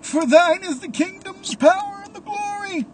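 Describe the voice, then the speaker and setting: A storyteller voicing Caleb, a gleeful sadistic male killer, in a low, taunting, menacing whisper. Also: drawn-out words, noisy background. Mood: gloating.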